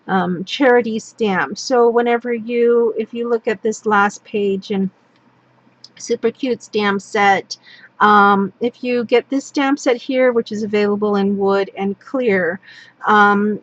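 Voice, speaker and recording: Filmed indoors from above at a wooden table with only her hands in view, a craft product demonstrator from Northern California rambles through a catalog, her voice hoarse and fading. She speaks slowly in a steady, medium-pitched tone with plenty of ums and restarts; the sound has no echo but lacks highs.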